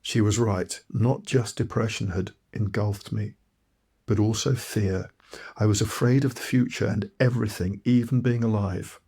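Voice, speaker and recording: A man's voice: on the low side, fairly even intonation, moderate pace, creaky, dark tone, husky. A man from Malawi, narrating his own audiobook in a reflective, earnest storytelling way. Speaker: author and narrator.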